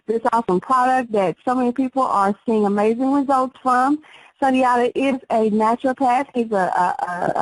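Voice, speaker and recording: A woman hosting a call, introducing a guest in a halting way with many pauses and restarts. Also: fairly high pitch, dry recording, poor audio.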